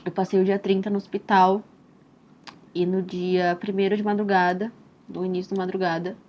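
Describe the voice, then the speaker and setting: Young Brazilian woman, mid pitch, soft and tender personal testimony, slightly muffled recording with light hiss. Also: level tone, moderate pace. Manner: soft, tender and reflective, with frequent "né?" and "assim". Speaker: mother telling her own birth story.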